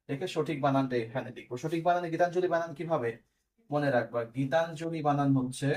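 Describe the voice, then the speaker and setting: A young man teaches an online exam-prep class. His voice sits a little higher than most men's. He explains step by step and keeps checking in with his students. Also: darkish tone.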